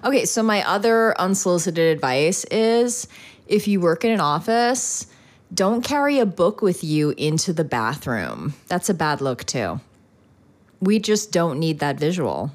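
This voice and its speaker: A woman co-hosts a casual advice podcast, telling animated stories full of laughter and acting out her own reactions. Her voice sits on the lower side and she speaks unhurriedly.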